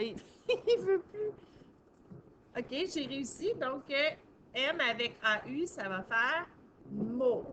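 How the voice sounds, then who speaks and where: A woman teacher, giving a recorded phonics lesson to young children in a patient, encouraging way and sounding out syllables slowly. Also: medium pitch, background noise. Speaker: primary school teacher.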